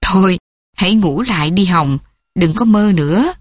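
A woman voicing a gentle middle-aged mother who speaks softly and soothingly to her daughter. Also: lowish voice, lively intonation, moderate pace, no room sound, studio quality. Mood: worried. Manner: soft, soothing.

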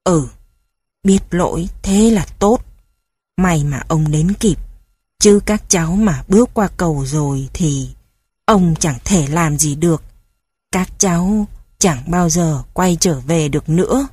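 A commanding old grandfather's spirit from a spoken storybook, grave and slow with the children he scolds, voiced by a woman. The voice is husky and close, with a dry, dead sound around it. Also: fairly low pitch, warm tone, no room sound, voice pushed down. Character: stern caring old grandfather ghost.

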